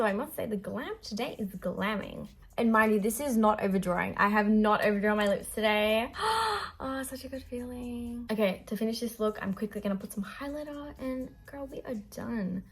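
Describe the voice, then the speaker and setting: A woman's voice: medium pitch, a little fast, few pauses. A young adult Australian woman chatting casually through a makeup vlog in a bubbly, gushing, slangy sorority-girl manner. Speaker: beauty vlogger.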